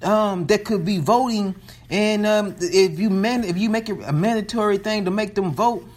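A man putting on a higher voice to play a persuasive female spokeswoman for a tech company, pitching ideas through a phone mic. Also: moderate pace, darkish tone. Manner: pitched-up mock voice for a woman, pushy sales pitch. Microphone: phone held in hand.

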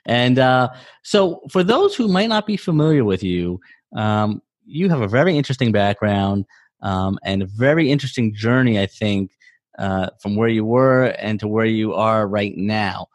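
A man's voice: fairly low pitch, lively intonation, moderate pace. A man with an American accent, hosting an interview podcast and introducing and questioning his guest. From New Jersey, US. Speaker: podcast host.

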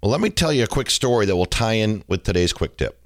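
A middle-aged man hosting a podcast, telling stories in a relaxed, joking way with plenty of fillers. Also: on the low side, fast talker. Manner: chatty, jokey storytelling with fillers. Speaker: podcast host. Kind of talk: casual podcast monologue.

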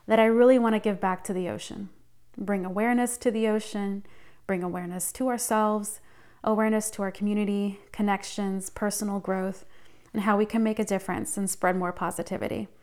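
A woman's voice: medium pitch, a little mellow. A woman in her thirties hosting her own podcast, telling her life story in an upbeat, scripted narration. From United States. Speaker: podcast host.

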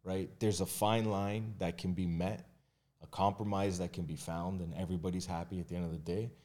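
A mortgage agent and realtor joins a casual podcast conversation as a guest, speaking in a very low voice at a brisk pace. He's candid, relaxed and conversational, often restarting sentences and filling gaps with "uh" and "you know."

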